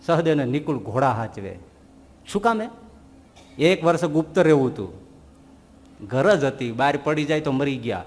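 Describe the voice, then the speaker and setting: A man preaching a sermon, telling animated stories and asking rhetorical questions. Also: on the high side, moderate pace, in a large hall. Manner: animated storytelling, rhetorical questions, voices quoted figures. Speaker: Swaminarayan preacher.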